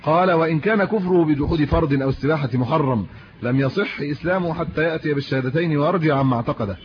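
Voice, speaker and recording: A man with an Egyptian Arabic accent teaches a religious lesson at a brisk, rapid clip, his voice set a little high. He moves between reading classical text and plain colloquial explanation, often asking his listeners questions. The recording is muffled and lo-fi, with a faint hiss behind him.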